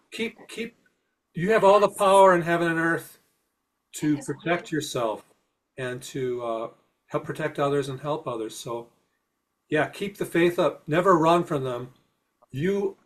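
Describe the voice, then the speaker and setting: A man hosting a spiritual podcast chat, speaking in a reassuring, encouraging way with frequent hesitant restarts. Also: a little high. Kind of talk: casual spiritual discussion.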